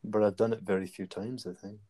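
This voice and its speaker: A man's voice: on the low side, level tone, brisk, dark tone. A man talking casually and rambling, with many fillers and restarts. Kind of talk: casual conversation.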